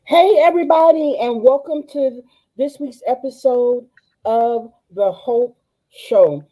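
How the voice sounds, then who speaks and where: A woman, hosting a faith-based live show and giving excited, gushing shout-outs to viewers. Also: high voice, slow, poor audio. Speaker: host. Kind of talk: excited live-stream chat.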